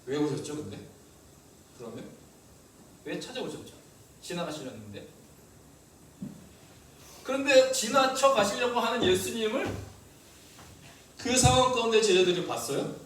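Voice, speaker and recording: A male pastor preaching a sermon, lively and asking the congregation questions. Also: high voice, measured pace, pauses often, heavy reverb, recorded from a distance, a little hiss or hum, poor audio. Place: church hall.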